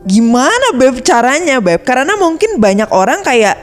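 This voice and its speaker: A woman's voice: high voice, very animated, normal speed, soft background music. A woman co-hosts a podcast, drawing out her partner with questions and mixing English phrases into her speech. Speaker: podcast co-host. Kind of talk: casual conversational interviewing.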